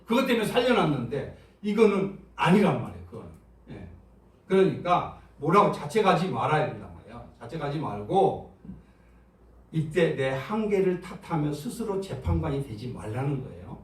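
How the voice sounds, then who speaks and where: A lively male pastor with a slightly high voice delivers a sermon at normal speed in a church sanctuary. His preaching is conversational, full of rhetorical questions aimed at the congregation, and the recording has a roomy, distant church sound.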